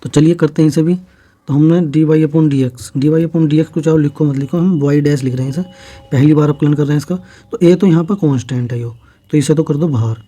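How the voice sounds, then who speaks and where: Maths teacher guy, super mellow warm tone, slightly high voice, walks thru steps one by one. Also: brisk. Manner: steady step-by-step explaining with frequent "theek hai" checks. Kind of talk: exam-prep maths lesson.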